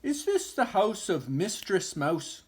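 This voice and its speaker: Older man doing a timid little boy mouse in a storybook, grandpa voice, slow and earnest. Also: high-pitched, big pitch swings, pitched above the performer's own voice, heavily acted. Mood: hopeful. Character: lonely, timid, polite little male mouse.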